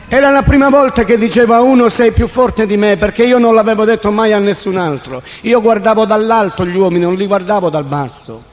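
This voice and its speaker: A man's voice: high voice, muffled recording. A man giving a dramatic spoken conversion testimony in a church hall, acting out the voices he quotes. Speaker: testimony speaker.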